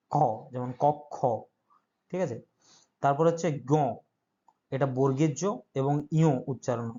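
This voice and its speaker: A man's voice: medium pitch, warm tone, lo-fi sound. A male teacher who explains an exam-prep grammar lesson step by step and keeps checking that his students follow.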